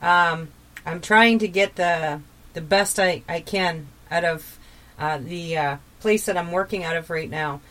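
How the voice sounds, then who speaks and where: A woman's voice: lowish voice, measured pace. Woman host talking from inside a closet. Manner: relaxed, chatty, with fillers and restarts. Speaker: radio show host. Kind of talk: casual radio hosting.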